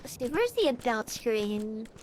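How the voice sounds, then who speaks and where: A woman streamer's voice, altered by an AI voice changer, sits on the high side and is very animated yet a little slow. She rambles chattily with many fillers, and faint background noise is audible.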